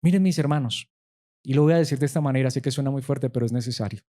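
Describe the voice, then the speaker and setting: A man's voice: medium pitch, fast talker, warm tone. Emphatic man preaching a sermon. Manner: emphatic preaching with rhetorical questions. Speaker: pastor.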